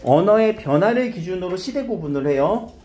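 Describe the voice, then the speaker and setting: A man teaches a class in a fairly high voice that swings widely up and down. He keeps firing questions at his students and nudging them toward the answers. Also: lively intonation, a little fast, darkish tone, a little hiss or hum. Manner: asks students questions and coaxes answers, repeats key terms. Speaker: high school Korean teacher. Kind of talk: classroom grammar lesson.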